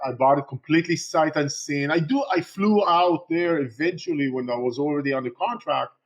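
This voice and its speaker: Israeli-born man, halting, lo-fi. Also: fairly high pitch. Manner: halting, many fillers and restarts. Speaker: guest, real estate investor. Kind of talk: casual interview talk.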